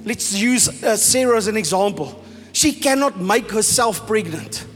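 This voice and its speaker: South African man preaching, high voice. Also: expressive, measured pace. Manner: emphatic preaching, mixing in Afrikaans phrases. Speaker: pastor. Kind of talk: sermon. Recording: reverberant hall with soft music.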